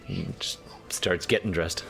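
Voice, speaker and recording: Very deep-voiced male game master. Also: steady tone, unhurried, vocal fry, a bit bright. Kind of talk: tabletop game narration, casual.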